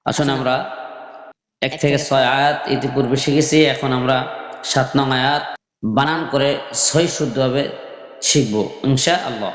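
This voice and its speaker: A man teaching how to spell out and pronounce a verse of scripture, slowly repeating each syllable and drilling it for his students. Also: medium pitch, fairly even intonation. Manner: patient, repeats each syllable, drills it, then asks and answers his own questions. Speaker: Quran recitation teacher. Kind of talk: slow spelling lesson with chanted recitation. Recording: echoey room with long reverb.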